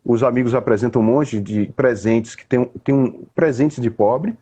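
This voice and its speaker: Um homem com sotaque brasileiro explicando poesia numa conversa informal, em tom didático e sem pressa. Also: male voice, mid-range voice, mellow, husky. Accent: Brazilian. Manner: didactic, unhurried, with frequent restarts and "né?" tags. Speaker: poet explaining literature. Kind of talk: casual conversation.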